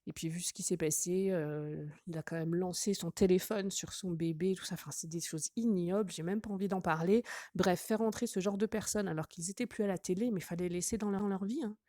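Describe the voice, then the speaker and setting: A woman's voice: fairly low pitch, steady tone, brisk, warm tone, no room sound, clean studio sound. A woman hosting a gossip channel, commenting casually with sarcastic, teasing asides.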